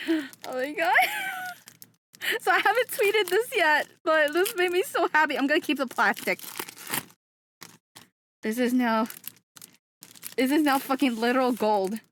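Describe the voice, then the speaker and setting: A young woman streamer with a high voice talks to her viewers in an unhurried, drawn-out way. She is excitable, gasping and laughing often and swearing freely as she chats. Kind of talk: casual stream chat.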